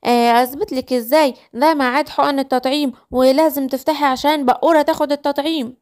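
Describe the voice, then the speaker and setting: Woman doing a brisk male doctor, Egyptian. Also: steady tone, darkish tone, lightly acted. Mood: insistent. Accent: Egyptian Arabic. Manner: lowered voice, quick and businesslike. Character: adult male vaccination doctor, brisk and insistent.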